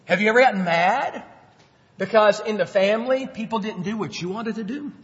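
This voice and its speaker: A man preaching a sermon in a conversational way, asking the congregation questions and swinging between quiet and loud. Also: high-pitched, fairly quick, long reverb tail, lo-fi sound. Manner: conversational, rhetorical questions, dynamic swings in loudness. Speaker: pastor.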